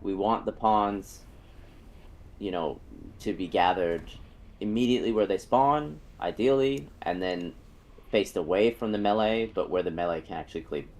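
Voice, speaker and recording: A man's voice: fairly low pitch, normal speed, darkish tone, low-quality recording. A man leading a game raid over voice chat, explaining positions in a rambling way with many fillers and restarts. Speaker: raid leader.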